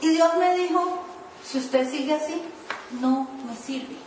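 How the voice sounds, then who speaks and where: A woman's voice: sits high, slow, a little mellow, a little hiss or hum. A woman pastor preaching a sermon, telling her own story and acting out her pleading in a sing-song whine. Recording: echoey room, voice from far off.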